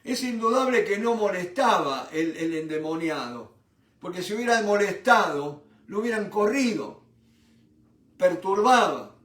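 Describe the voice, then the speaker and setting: A man's voice: sits high, lively intonation, a little slow, fairly bright tone, reverberant, distant mic. A man preaching a Bible study sermon with fervor, calling his listeners brothers. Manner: fervent, addresses listeners as brothers.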